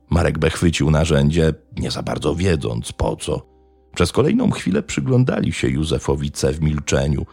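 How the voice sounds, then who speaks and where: A man narrating a true-crime story in a measured, grave tone. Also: rumbling low, vocal fry, darkish tone, slightly rough, no room sound. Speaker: podcast narrator.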